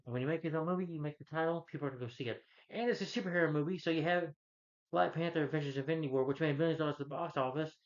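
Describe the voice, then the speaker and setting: A man's voice: on the high side, racing. A man delivering an angry, scornful review rant, speaking bluntly and emphatically and repeating phrases to drive his point home. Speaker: film reviewer. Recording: dull lo-fi audio.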